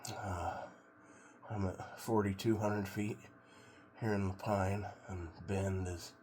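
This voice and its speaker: A middle-aged American man from Oregon rambling casually to a vlog in a laid-back, halting, musing way. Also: deep voice, flat delivery, a little mellow. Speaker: vlogger doing a cold plunge challenge. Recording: clear background noise of water.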